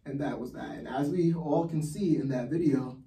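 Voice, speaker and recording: A man's voice: fairly high pitch, normal speed, creaky, dark tone, recorded from a distance. A man giving heated, blunt personal commentary as a vlogger, swearing often. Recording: roomy echo, from the mic.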